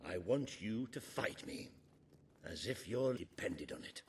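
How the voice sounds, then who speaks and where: Husky, gruff old British soldier. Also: male voice, fairly low pitch, lively intonation, unhurried, exaggerated voice. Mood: challenging. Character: gruff, hearty old soldier mentoring a princess. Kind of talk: video game character acting.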